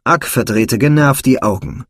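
A man narrating a children's fantasy storybook in a measured, expressive way. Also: medium pitch, slightly rough, no room sound, studio quality.

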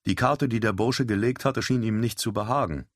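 A man reading an audiobook with expressive, measured storytelling. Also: on the low side, no echo, clean studio sound. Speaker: audiobook narrator. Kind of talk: scripted narration.

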